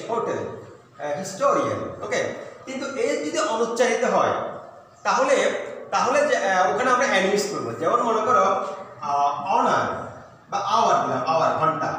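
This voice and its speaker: A man from Bangladesh teaching an English lesson patiently, repeating words slowly and pausing to check that students understand. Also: high-pitched, bright, forceful tone, a little hiss or hum. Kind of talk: recorded classroom lesson. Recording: echoey room, mic far off.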